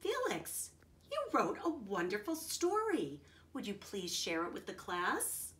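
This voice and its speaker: A woman's voice: medium pitch, huge pitch swings, a little slow, fairly bright tone. A woman reading the part of a kindly, encouraging female schoolteacher in a children's storybook. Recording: roomy echo, distant from the mic.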